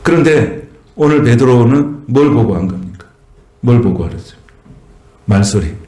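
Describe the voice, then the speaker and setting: A man with a Jeolla Korean accent preaching a sermon as a pastor, swelling higher and slower on key phrases. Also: lively intonation, dark tone. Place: church sanctuary. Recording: echoey church room.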